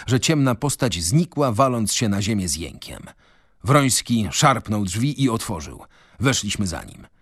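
Male radio reader of literary prose, low-pitched, dry close studio mic, measured dramatic delivery. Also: no echo.

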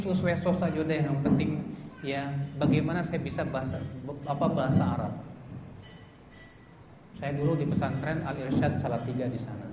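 A man's voice: a little high, very noisy. A man gives a casual religious talk to students, speaking to them directly and asking them questions. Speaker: Islamic preacher. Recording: echoey hall, slightly dull sound.

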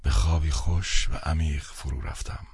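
A man narrating a literary novel as an audiobook, telling it in the first person in a measured, wry way. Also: very deep voice, steady tone, darkish tone, slightly rough, no room sound.

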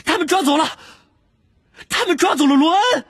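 A man's voice: very high-pitched, big pitch swings, fast, slightly rough, no room sound, studio quality, voice pushed up, full character voice. A man voicing an anxious teenage boy wizard, gasping and desperate.

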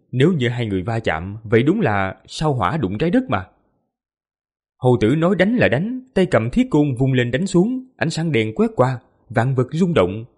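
A male audiobook narrator telling a fantasy battle epic with vivid, emphatic delivery. His voice is husky and slightly breathy, and his pitch swings widely to drive the action. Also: a little mellow. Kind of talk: dramatic fantasy novel narration.

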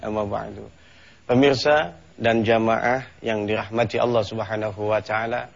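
A man's voice: lowish voice, creaky. A man hosting a religious TV program, opening formally and then bantering casually. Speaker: TV program host. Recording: dull lo-fi TV broadcast sound.

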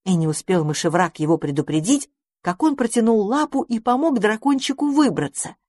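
A woman narrating a children's story in an expressive, animated way. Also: mid-range voice, fairly quick, dry recording, studio quality. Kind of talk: audiobook story reading.

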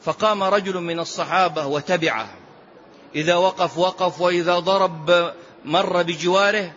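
Brief: male sheikh, high bright voice, explanatory lesson delivery on a dull lo-fi recording. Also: steady tone, moderate pace, a little hiss or hum. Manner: explanatory, asks rhetorical "ha?" of listeners. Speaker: sheikh teaching a hadith book. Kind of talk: classical religious lesson.

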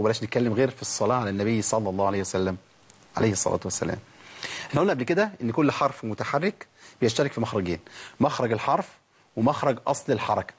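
A man with an Egyptian Arabic accent teaching a tajweed lesson, who asks questions, answers them himself, and drags out letter sounds slowly to demonstrate them. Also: on the low side, slightly rough. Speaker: Quran recitation teacher.

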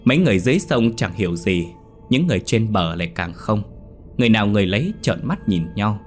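A man narrating a ghost story in a lively, expressive storybook manner. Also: lowish voice, a little fast, faint music behind.

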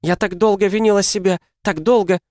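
A man voicing a grieving mother who screams and sobs in a shrill, raised voice. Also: steady tone, moderate pace, no echo, clean studio sound, lightly acted. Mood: hysterical, sobbing. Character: hysterical grieving mother, shrieking and sobbing.

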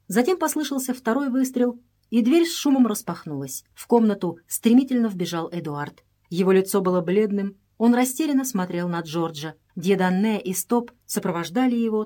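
A woman reading an adventure novel aloud in steady, measured scripted narration. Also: medium pitch. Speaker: audiobook narrator.

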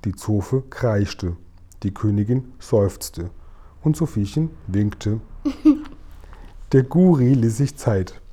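Deep-voiced man reading a storybook. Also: dark tone. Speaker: storyteller reading a children's book. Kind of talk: reading a children's book aloud.

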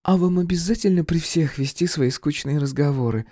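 A man's voice: a little fast, dark tone, dry recording, clean studio sound, lightly acted. Man doing a brazen brunette with a chesty voice. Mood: cool. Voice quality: low chesty voice. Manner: blunt, mocking. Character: tall brunette woman, cool and brazen.

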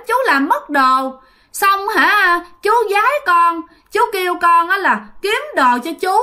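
A woman putting on a little ghost boy, whining and pleading in a childish sing-song. The voice sits high and bounces up and down, repeating itself like a small child would. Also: pushed and bright, exaggerated voice. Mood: complaining. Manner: childish, complaining, repetitive. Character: whiny little boy ghost, six or seven.

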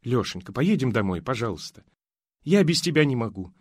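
A man voicing a tearful young wife who pleads with her husband, in a higher, strained voice. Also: sing-song, fairly quick, husky, no echo, clean studio sound. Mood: tearful pleading. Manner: pleading, breathless.

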